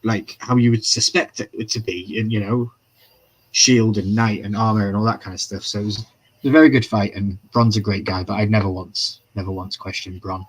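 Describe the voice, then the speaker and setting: A man's voice: lowish voice, steady tone, moderate pace, slightly rough. A man hosting a casual live-stream recap, chatty and profane, reading viewers' comments aloud as he goes.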